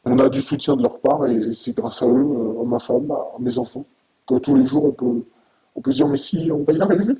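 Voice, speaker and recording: A middle-aged dairy farmer giving an anonymous interview, his voice disguised by being pitched down deep, speaking haltingly and emotionally with many restarts. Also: big pitch swings, vocal fry, dark tone, rough recording.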